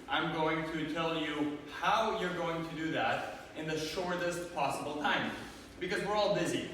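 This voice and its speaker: A man's voice: on the high side, a bit bright, a little hiss or hum. A man from Romania giving a live motivational seminar talk, engaging the audience with questions. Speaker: motivational speaker. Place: large hall with audience. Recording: echoey hall, from far off.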